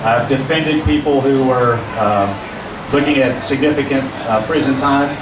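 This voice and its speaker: A man in his forties speaking as a judicial candidate at a public forum, measured and earnest, with fillers when answering questions. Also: medium pitch. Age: 40s. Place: meeting room at a public forum. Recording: roomy, distant, noisy room recording.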